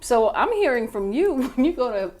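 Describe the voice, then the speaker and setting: A middle-aged woman hosting a TV interview in a small studio, chatty and animated, affirming her guests often. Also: fairly high pitch, moderate pace. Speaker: talk show host. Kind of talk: TV interview chat. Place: small studio set, indoors.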